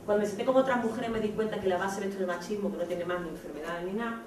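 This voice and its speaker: A woman in her thirties with an accent from Spain, giving a blunt, animated theatrical monologue to students. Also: mid-range voice, rapid-fire, slight background noise. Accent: Spain Spanish. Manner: animated, blunt, acts out scenes. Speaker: speaker addressing students. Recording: echoey hall from far off.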